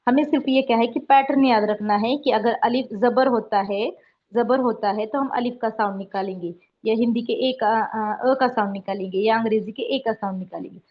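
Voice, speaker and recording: Higher-voiced woman teaching patiently, lo-fi. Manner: patient, drills letter sounds slowly, checks in with "haan?". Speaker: Urdu teacher. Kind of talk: online language lesson. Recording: dull lo-fi recording.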